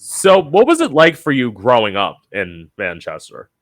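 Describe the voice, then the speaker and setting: A man's voice: mid-range voice, huge pitch swings, moderate pace, a little hiss or hum. A man hosting a podcast, asking questions and sharing his own story. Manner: curious, asks questions, shares own story. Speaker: podcast host. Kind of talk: interview chat.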